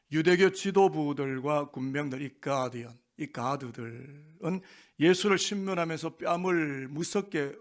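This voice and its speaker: Korean pastor preaching, fairly high voice. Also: male voice. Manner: addresses the congregation with rhetorical questions. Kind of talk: sermon. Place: church sanctuary.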